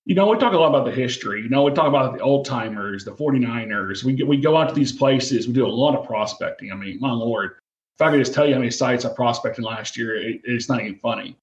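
An earnest, plain-spoken man from the United States chats casually as an interview guest. His pitch is average, and the recording is roomy and somewhat dull. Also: fast. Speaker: interview guest, television gold miner. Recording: roomy, dull lo-fi remote sound.

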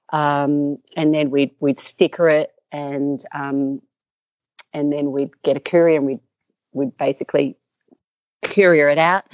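Low-voiced Australian woman, rambling. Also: darkish tone, no echo. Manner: rambling with many fillers and restarts. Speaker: company co-founder. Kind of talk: interview guest, storytelling. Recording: dull lo-fi sound.

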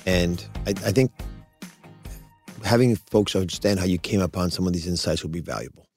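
A man's voice: low-pitched, normal speed, darkish tone, dry recording, faint music behind. A man hosting a podcast, asking hesitant interview questions with restarts. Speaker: podcast host.

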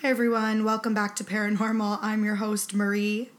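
A woman's voice: medium pitch, little pitch movement, a little fast. Woman podcast host, voice sounding sick. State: sick with flu-like illness affecting her voice. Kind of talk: casual chat.

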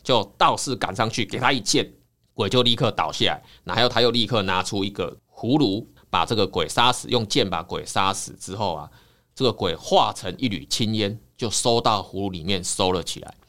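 A man, a counseling psychologist telling a folk tale in a lively, dramatic way on a podcast. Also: on the low side, moderate pace. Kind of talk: animated storytelling in a podcast.

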